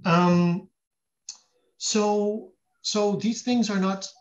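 A man's voice: sits high, fairly even intonation, extremely slow. Man with a raised, thoughtful voice over dull audio. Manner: thoughtful, explains at length with restarts. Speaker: guest scholar. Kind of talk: explanatory interview answers.

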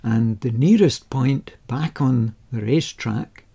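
A man calmly narrating a voice-over that explains a pencil-and-paper game's rules step by step, measured and methodical with dry understatement. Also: mid-range voice, vocal fry, slightly rough.

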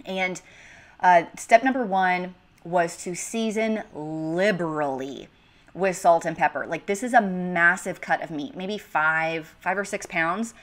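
A woman in her thirties talks through a family dinner in a relaxed, chatty voice-over. Her voice sits a little low for a woman, and she is upbeat and conversational, with plenty of friendly asides. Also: a little slow. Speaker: cooking channel host. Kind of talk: casual cooking voice-over. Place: home kitchen.

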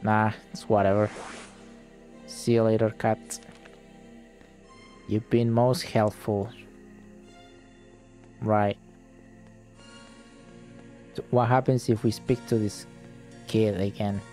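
A man's voice: on the low side, flat delivery, takes it slowly, pauses often, a little mellow, faint music behind. A man giving casual let's-play commentary, irritated, sweary and offhand. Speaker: gamer.

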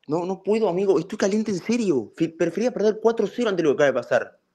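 A young Argentine man, hoarse from shouting, ranting angrily about a football match over a video call. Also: high-pitched, lively intonation, quick pace. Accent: Argentine Spanish. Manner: furious, ranting, swearing, repeats himself. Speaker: guest on football reaction stream.

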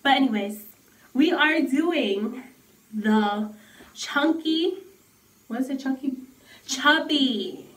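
A woman, chatting and joking to camera in an animated way, often repeating phrases. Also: high-pitched, slow, long pauses. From the Bronx, New York. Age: 20s. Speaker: vlog host. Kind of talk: casual joking chat to camera. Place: small indoor room at home, camera a little away. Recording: slightly noisy, distant home recording.

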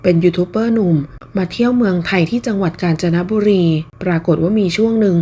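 A woman's voice: medium pitch, fast talker, slight background noise. Woman reading online news politely. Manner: polite, steady read-aloud delivery with soft sentence-final particles. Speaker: news narrator. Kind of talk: scripted online news narration.

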